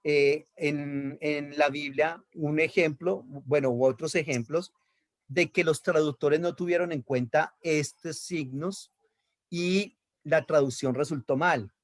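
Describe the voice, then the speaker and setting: A man's voice: fairly high pitch, steady tone, takes it slowly. A man teaching a Bible lesson on Hebrew accent marks, explaining patiently, repeating key terms and checking in with his listeners.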